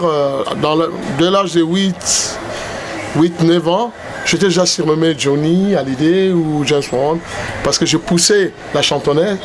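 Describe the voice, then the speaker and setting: A man with a Congolese French accent speaks in a fairly high voice, telling his story unhurriedly with many pauses and fillers. He answers as a guest in a TV studio interview. A steady hum of background noise sits under the recording. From Democratic Republic of the Congo. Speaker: guest singer.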